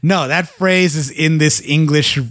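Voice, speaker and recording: A man's voice: a little high, fairly even intonation, measured pace, fairly bright tone, dry recording, studio quality. A man co-hosting a casual podcast, chuckling at his own jokes and stumbling over foreign words. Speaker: podcast co-host.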